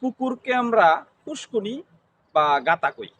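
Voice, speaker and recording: Interviewee, man, gazipur bengali accent, high voice, slow short answers. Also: lively intonation, a bit bright, muffled recording. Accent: Gazipur Bengali dialect. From Gazipur, Bangladesh.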